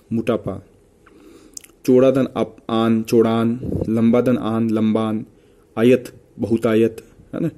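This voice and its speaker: A man's voice: on the low side, warm tone. A man teaching Hindi grammar for an exam, listing example words one after another and checking in with "है ना" as he goes. He speaks Hindi with a Rajasthani accent. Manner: rattles off word lists with repeated "है ना" tags. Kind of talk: exam-prep grammar lesson.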